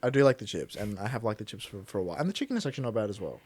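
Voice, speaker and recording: Fast-talking man, blunt and sweary. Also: on the low side, very animated, a little mellow, no room sound. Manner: swears freely, blunt opinions. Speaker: podcast co-host. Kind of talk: casual chat, reacting to videos.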